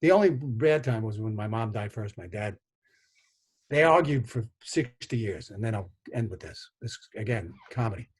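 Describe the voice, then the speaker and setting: A man in his sixties, a guest on a video call, tells family stories in an animated way and acts out the voices of the people in them. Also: lowish voice, normal speed, breathy edge. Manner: animated anecdotes with voiced quotes. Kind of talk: conversational storytelling.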